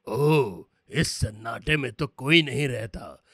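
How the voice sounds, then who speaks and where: A sly cartoon wolf. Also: male voice, mid-range voice, expressive, slow pace, bright, forceful tone, husky, no echo, studio quality, exaggerated voice. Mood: coaxing. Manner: coaxing, falsely soothing. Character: sly hungry male wolf, smooth talker. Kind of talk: cartoon dubbing.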